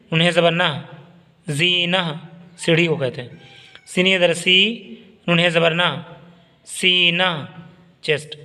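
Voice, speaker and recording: A man's voice: a little high, sharp tone, big-room sound. A man teaching a beginner's Urdu reading lesson, spelling out each word syllable by syllable and adding short explanations. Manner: slow, syllable-by-syllable recitation with brief explanations.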